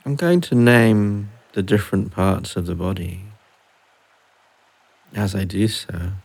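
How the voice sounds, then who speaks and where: A man leads a guided relaxation in a deep, gravelly voice with a breathy edge. He speaks very slowly and softly, leaving long pauses between short phrases. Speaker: meditation guide.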